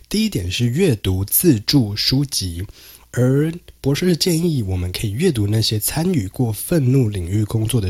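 A man's voice: fairly low pitch, husky. A man hosting a solo podcast, explaining and summarizing research in a conversational way, with frequent fillers and some English terms mixed in. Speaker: podcast host.

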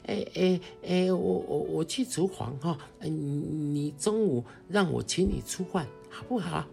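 A woman's voice: low-pitched, unhurried, vocal fry, mellow, faint music behind, pitched above the performer's own voice, heavily acted. A woman voicing a flustered elderly grandmother, hesitant and full of fillers, in a storybook reading. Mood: fussing.

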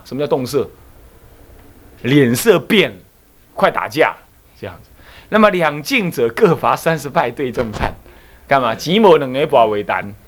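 Monk guy lecturing, lively swoopy voice, kinda high, chuckles a lot and hits words hard. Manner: animated storytelling, emphatic, chuckles often. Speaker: Buddhist monk and temple abbot. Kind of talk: dharma lecture with anecdotes.

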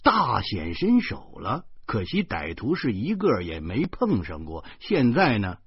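A man's voice: lowish voice, huge pitch swings, a little slow, husky, no echo. A man in his thirties with a Beijing accent, narrating an audiobook in a wry storytelling manner. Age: 30s. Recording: dull lo-fi recording.

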